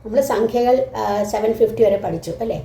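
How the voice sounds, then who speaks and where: Malayalam-speaking woman teaching, kinda high voice, slow and careful, faint room hum behind. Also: dark tone. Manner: switches between quick explanation and slow, drawn-out recitation. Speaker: Sanskrit teacher. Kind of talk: explaining lesson, slowly pronouncing terms. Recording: echoey room, voice somewhat far from mic.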